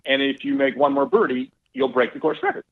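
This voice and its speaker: A middle-aged man, a golf club owner, telling a lively casual story and acting out quoted dialogue, with some swearing. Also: mid-range voice, a little fast, vocal fry. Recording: tinny phone-like line.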